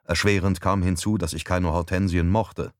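A man narrating a literary novel in the first person, calm and reflective. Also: deep voice, normal speed, no echo, clean studio sound. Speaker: audiobook narrator.

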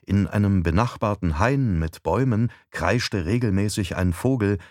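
A man narrating a literary novel in the first person, calm and reflective. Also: fairly low pitch, moderate pace, dry recording, studio quality. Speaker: audiobook narrator.

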